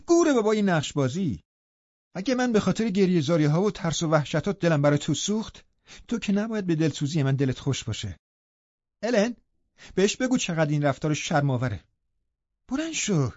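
An angry young woman scolds with sharp scorn, her voice lifted high as a male reader puts her on. The reading is close and dry, on a dull, lo-fi recording. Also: animated, dry recording. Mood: scornful.

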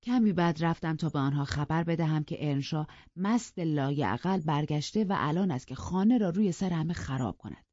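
A woman reading an audiobook in a fairly low voice, measured and even. The recording is dry and a little dull and lo-fi. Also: no echo. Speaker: audiobook narrator. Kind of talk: scripted narration.

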